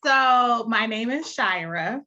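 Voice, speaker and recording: A woman guest in a casual interview who tells stories in an animated way and laughs easily. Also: fairly high pitch, slow, dull audio, a little hiss or hum.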